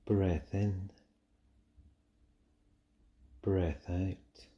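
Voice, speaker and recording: Soft soothing guy doing guided meditation, dark mellow voice, really even tone, lots of pauses. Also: low-pitched, lo-fi sound. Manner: soft, gentle, soothing delivery with long pauses. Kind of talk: guided relaxation meditation, soothing scripted narration.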